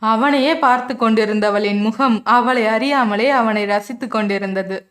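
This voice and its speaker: A woman narrating her own romance audio novel in a steady storytelling manner. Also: fairly high pitch, normal speed. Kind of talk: scripted narration.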